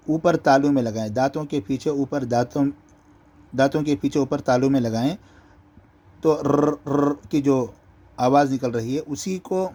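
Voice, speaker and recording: A man teaching Quran reading, explaining letter pronunciation and drawing out each letter slowly to demonstrate. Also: mid-range voice, dark tone. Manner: slow, drawn-out letter demonstrations between explanations.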